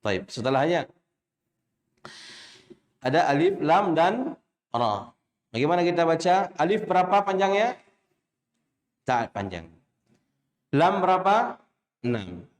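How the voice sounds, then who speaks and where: A man with an Indonesian accent teaching Quran recitation, drilling letter names slowly and quizzing his students with short questions. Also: on the high side, big pitch swings, roomy sound. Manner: chants drawn-out letter names when demonstrating. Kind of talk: classroom lesson with call-and-response recitation.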